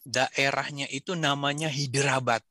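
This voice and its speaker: A bright, friendly male storyteller for children. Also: medium pitch, steady tone, moderate pace, dry recording, clean studio sound. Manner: friendly, gently teasing, talks to children.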